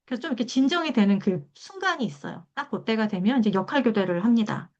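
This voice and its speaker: A woman's voice: fairly high pitch, animated, fast, darkish tone. A middle-aged woman giving a public lecture on drama therapy counseling, explaining the method step by step and acting out short exchanges as she goes. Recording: dull lo-fi lecture recording.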